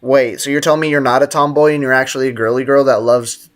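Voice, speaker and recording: Chatting with viewers during a live game stream, a man reads their messages and replies with loose, slangy jokes and teasing. He talks fast in a mid-range voice with fairly even intonation.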